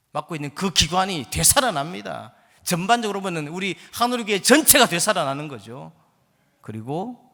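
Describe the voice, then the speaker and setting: A man's voice: high-pitched, bright, forceful tone. A man in his fifties, a guest pastor preaching a sermon with impassioned, rising exhortation in a church sanctuary. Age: 50s. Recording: long church hall reverb.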